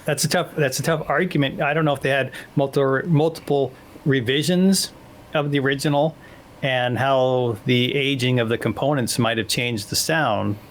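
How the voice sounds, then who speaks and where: A man's voice: medium pitch, steady tone, moderate pace. A man chatting as a guest on a synth show, musing aloud and cracking jokes. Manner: musing and joking, thinking out loud. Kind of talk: casual chat.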